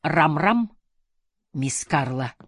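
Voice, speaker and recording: A woman's voice: deep voice, expressive, extremely slow, breathy edge, dry recording, studio quality, heavily acted. A woman voicing a sly, sneering male servant who speaks with a snide hiss, read as an audiobook figure. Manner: hissing, snide greeting.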